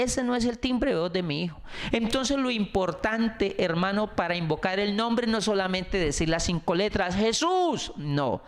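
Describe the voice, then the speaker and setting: High-voiced preaching pastor. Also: male voice, fairly bright tone. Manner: earnest, repetitive preaching with varied pace and emphasis. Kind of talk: sermon.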